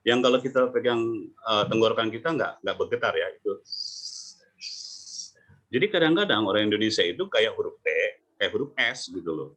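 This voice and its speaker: Lively man demonstrating English sounds. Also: on the low side, brisk, dull audio. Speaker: English pronunciation coach. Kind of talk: online teaching talk.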